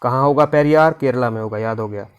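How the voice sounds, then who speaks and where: A man's voice: mid-range voice, quick pace, smooth. A male teacher with a sore throat, drilling names off a map and repeating them with memory tricks. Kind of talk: exam-prep lesson over a map.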